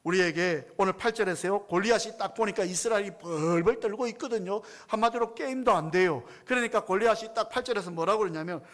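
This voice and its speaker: A male pastor preaching a sermon in a notably high voice. He speaks emphatically and keeps throwing rhetorical questions to his congregation. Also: fast talker, hardly any pauses, a bit bright.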